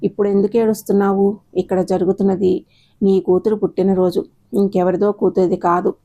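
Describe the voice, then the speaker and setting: A woman's voice: medium pitch, little pitch movement, brisk, mellow, muffled recording, lightly acted. A woman voicing a stern older mother who lectures her grown daughter firmly in an audio story. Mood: scolding. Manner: lecturing, firm and reproachful. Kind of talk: storybook narration, acted dialogue.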